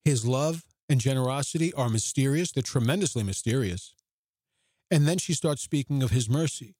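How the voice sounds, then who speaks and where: A man's voice: mid-range voice, husky, no echo. Earnest man in a dry devotional talk. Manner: earnest, slows to quote scripture, animated asides. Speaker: podcast host. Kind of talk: devotional teaching podcast.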